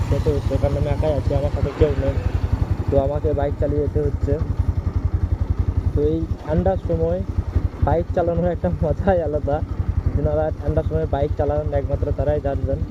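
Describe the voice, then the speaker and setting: A man vlogging casually from inside a helmet as he rides a motorbike, repeating himself as he chats to his followers. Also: on the high side. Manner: repetitive, talking while riding a motorbike. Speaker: motovlogger addressing followers. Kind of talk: casual vlog chat while riding. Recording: muffled lo-fi, loud engine noise. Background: motorcycle engine and road noise.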